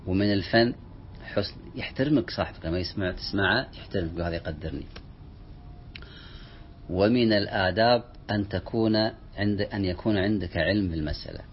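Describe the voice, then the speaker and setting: A man's voice: lowish voice, fast talker, a little hiss or hum. A man giving a religious lecture as a preacher, emphatic and often asking his listeners rhetorical questions. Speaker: Islamic preacher. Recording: dull lo-fi recording.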